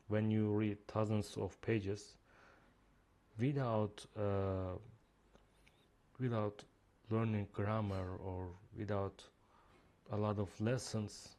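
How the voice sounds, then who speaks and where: With a fairly low, mellow voice, a man who speaks Turkish natively and has a Turkish accent shows off the reading app he built. The screen-recorded demo finds him hesitant and using lots of fillers.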